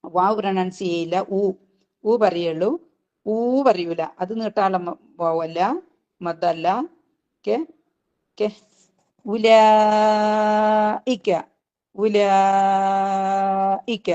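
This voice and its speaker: A woman teaches a recitation class and explains each rule patiently. She keeps checking in with "okay?" between points and slows down to recite short phrases. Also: mid-range voice, a little mellow, highs cut off. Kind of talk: recitation lesson.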